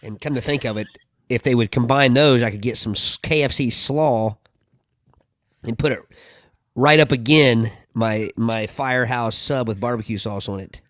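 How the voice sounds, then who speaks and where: A man's voice: medium pitch, moderate pace, dry recording, clean studio sound. A man co-hosting a podcast in casual chat, joking with playful wordplay. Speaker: podcast co-host.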